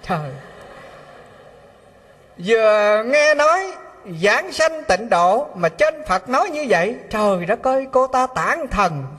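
A man with a Southern Vietnamese accent giving a storytelling Buddhist sermon, animated and full of rhetorical questions to the audience. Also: extremely high pitch, measured pace. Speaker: Buddhist preacher. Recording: long hall reverb.

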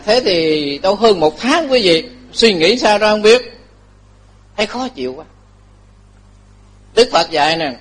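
A man, a Buddhist monk, giving a lively dharma talk to lay followers, joking often and repeating his phrases. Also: high-pitched, breathy edge.

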